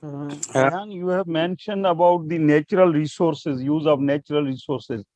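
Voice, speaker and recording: A man on a jury panel asking measured, somewhat hesitant questions. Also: on the high side, darkish tone, no echo. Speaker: jury member. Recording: dry, dull lo-fi audio.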